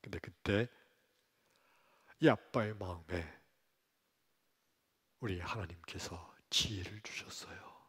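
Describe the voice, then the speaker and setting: A male pastor telling a sermon story with emotion, swinging from hushed to loud, in a church sanctuary. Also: sits low, slow pace, long pauses, husky. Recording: long church reverb.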